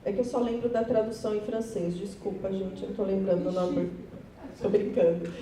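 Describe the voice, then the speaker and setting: A woman's voice: fairly even intonation, fairly quick, crowd noise. A woman teacher with a Brazilian Portuguese accent presents her class project to fellow teachers, chatty and nervous, often turning to the audience. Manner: nervous, chatty, self-deprecating, addresses audience. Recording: echoey hall, voice from far off, faint rumble.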